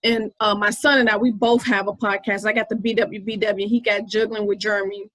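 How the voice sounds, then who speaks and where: A woman's voice: medium pitch, level tone, fairly quick, fairly bright tone, dry recording, rough recording. Chatty woman podcast host, dry sound. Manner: storytelling, conversational with many fillers. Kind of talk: casual inspirational talk.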